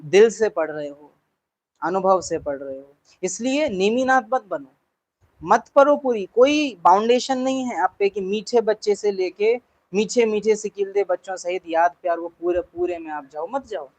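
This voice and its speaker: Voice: medium pitch, a little slow, low-quality recording. Spiritual teacher, class talk, earnest, repeats for emphasis, asks listeners questions.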